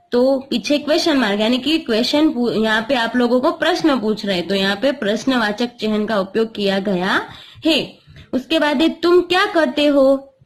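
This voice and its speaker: A woman with a fairly high voice teaches a school grammar lesson online. She talks slowly and deliberately, pausing to explain each point and slipping English terms into her Hindi. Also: poor audio. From India. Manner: slow, explanatory, mixes English words.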